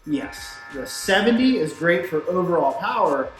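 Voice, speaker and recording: A man's voice: high-pitched, animated, normal speed. A man in casual, explanatory technical shop talk, speaking conversationally as a product expert, with machines running behind him. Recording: roomy echo, music, machinery behind. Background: shop machines running in the background.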